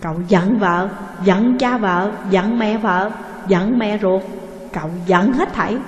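A woman narrates a story in a steady, expressive reading voice at a middle pitch. The recording is roomy, with a long reverb trailing each phrase. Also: slow pace, lo-fi sound, slight background noise. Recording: echoey room with long reverb.

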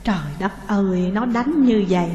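A calm older mother speaks softly to smooth things over, as a woman reads her part. Her quiet voice carries a long roomy reverb. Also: medium pitch, normal speed, lo-fi sound, natural voice. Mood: placating. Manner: soft, placating. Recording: echoey room with long reverb.

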